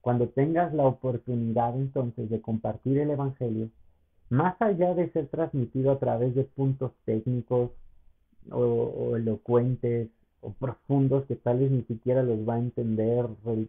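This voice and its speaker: A man's voice: mid-range voice, vocal fry, husky. A male pastor, giving an earnest, personal sermon that often turns to address the listener. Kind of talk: sermon podcast talk. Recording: tinny phone-like sound.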